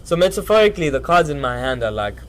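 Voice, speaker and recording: A man's voice: a little high, sing-song, quick pace, slight background noise. A man chatting casually as a musician in an interview, loose, slangy and rambling. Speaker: musician, podcast guest.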